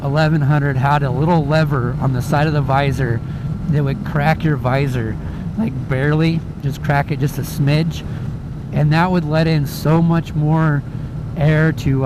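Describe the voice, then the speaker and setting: A man chatting casually as he gives a spoken gear review from inside a motorcycle helmet while riding. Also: fairly high pitch. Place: outdoors on a moving motorcycle. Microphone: mic inside a helmet. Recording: helmet mic with clear traffic and vehicle noise. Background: vehicle and road noise.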